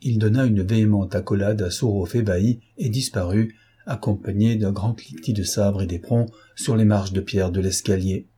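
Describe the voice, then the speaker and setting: Low, husky-voiced man narrating a novel, measured delivery. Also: steady tone, warm tone. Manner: measured, storytelling.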